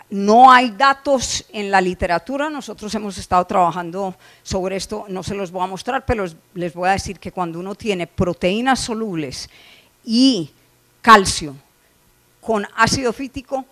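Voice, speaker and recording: A middle-aged woman from Colombia, speaking with a Colombian Spanish accent in an unhurried, somewhat bright mid-range voice, presents a poultry nutrition lecture at a conference hall, peppering her slide explanations with "eh" and restarts.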